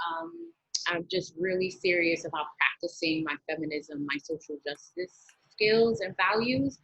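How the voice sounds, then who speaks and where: A woman's voice: sits low, fairly bright tone, slightly rough, no room sound, dull audio. A young woman from Miami, a guest speaker giving an earnest webinar talk with many fillers. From Miami, USA.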